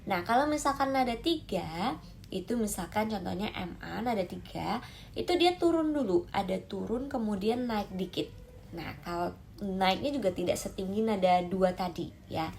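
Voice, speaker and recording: Explaining a lesson to camera, a woman teaches Mandarin tones, calling out demonstration syllables and stretching them in a lively way. Her voice is mid-range with vocal fry, and there's slight background noise.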